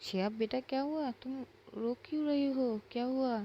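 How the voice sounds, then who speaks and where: A woman's voice: sits high, normal speed, lo-fi sound, voice pushed up. A woman playing a protective young man who speaks earnestly and soothes a crying child. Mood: anxious, soothing.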